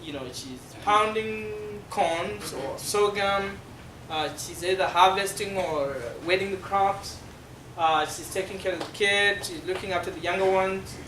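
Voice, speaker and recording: A guest speaker addresses a class: he is a middle-aged South Sudanese man who speaks Dinka, with a voice slightly high for a man. His explanations are halting and full of filler pauses, heard from a distance in an echoey room with background noise.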